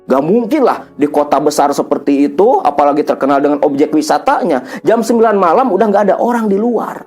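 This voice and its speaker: A man's voice: on the high side, animated, fairly quick, a little mellow, soft background music. Chatty man telling a ghost story. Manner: chatty, with repeated fillers. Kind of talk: spoken ghost-story narration.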